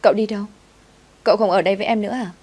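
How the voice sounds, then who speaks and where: A woman's voice: medium pitch, fairly even intonation, rapid-fire, a little mellow, pitched above the performer's own voice, lightly acted. A woman voicing a clingy, tearful young servant girl who whines and pleads. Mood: pleading. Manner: whiny, pleading.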